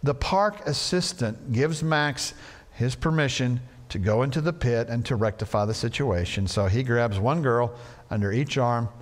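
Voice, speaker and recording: A man's voice: medium pitch, moderate pace. A male pastor preaching a sermon in a church, telling a story with playful asides. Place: church sanctuary.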